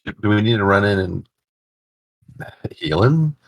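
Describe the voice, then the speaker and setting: Brief: man, tabletop player, very low husky voice, hesitant. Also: animated, unhurried. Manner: hesitant, asks many questions. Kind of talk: casual tabletop game chat.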